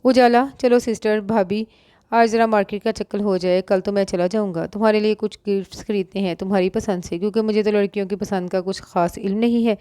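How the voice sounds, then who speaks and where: A woman's voice: mid-range voice, fairly even intonation, brisk, mellow, clear, resonant tone, no room sound, clean studio sound, lightly acted. A woman voicing a playful young man who jokes affectionately with his sister-in-law. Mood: teasing. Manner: jokey, affectionate banter.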